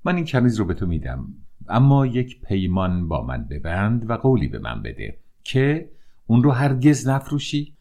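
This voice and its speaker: A man's voice: fairly low pitch, huge pitch swings. A man doing a furious old vizier. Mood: stern. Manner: shouting threats. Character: furious old male vizier, stern father.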